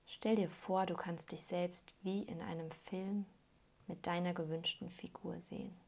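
Speaking as a hypnosis guide, a woman gently instructs through a calm guided meditation. Her voice is soft, breathy and on the low side, unhurried, often fading toward a whisper.

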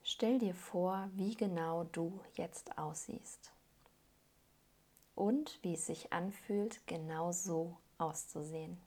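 Slow, breathy woman guiding a meditation. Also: on the low side. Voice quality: soft, breathy, husky, often trailing into near-whisper. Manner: calm, slow, gently instructing with pauses. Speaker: hypnosis guide. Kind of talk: soothing guided meditation for weight loss.

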